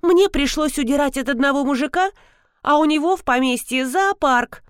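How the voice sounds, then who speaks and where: A woman's voice: sits high, moderate pace, no echo, studio quality, pitched above the performer's own voice, natural voice. A woman voicing an eager, pushy young woman who boasts and insists on joining in.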